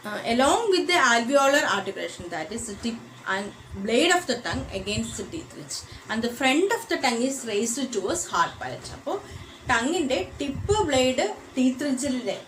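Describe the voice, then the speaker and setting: A woman with a Malayali accent giving a phonetics lecture. She mixes English and Malayalam, repeats key terms, and often pauses on "uh" and "okay.". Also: a little high, fairly bright tone, roomy sound, a little hiss or hum, low-quality recording. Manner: switches between English and Malayalam mid-sentence, repeats key terms slowly; frequent "uh" and "okay" fillers, self-corrections. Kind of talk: recorded lecture.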